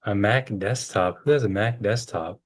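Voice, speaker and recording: A man's voice: lowish voice, moderate pace. A man with an American accent hosting a casual chat in an informal, slangy way. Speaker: podcast host.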